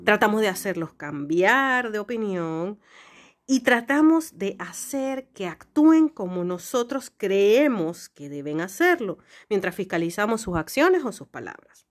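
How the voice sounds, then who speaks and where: A woman's voice: medium pitch, big pitch swings, unhurried. A woman hosting a podcast, talking through life advice in a conversational monologue, explaining with rhetorical questions and examples. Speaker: podcast host.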